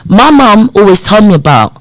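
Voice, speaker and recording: With a mid-range voice at a moderate pace, a woman in her fifties tells stories from her life during a podcast interview. A community development worker, she's lively and acts out remembered exchanges. The recording is dry and rough.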